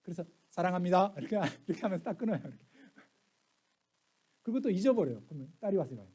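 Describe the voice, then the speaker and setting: A middle-aged man preaching a sermon as pastor, telling family stories and acting out quoted lines, swinging from soft asides to loud exclaims. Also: high voice, big pitch swings, very fast, slightly rough.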